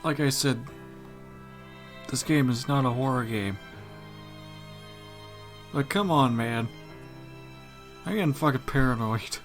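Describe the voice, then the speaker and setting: A man's voice: mid-range voice, slow pace, long pauses, soft background music. A man with a Southern US accent giving casual let's-play commentary, jumpy and nervous and swearing a lot. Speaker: gameplay commentator.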